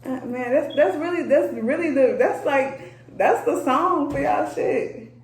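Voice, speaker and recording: Blunt, chatty woman reader, high roomy voice. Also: measured pace. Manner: blunt, profane, chatty, addresses viewers directly. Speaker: energy reader. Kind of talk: casual tarot reading. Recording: roomy echo, faint background noise.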